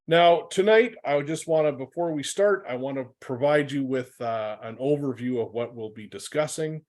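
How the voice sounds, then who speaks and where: A man's voice: mid-range voice, moderate pace, a little mellow. A man hosting an online webinar, giving friendly, upbeat introductions of the speakers with a few fillers. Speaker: webinar host.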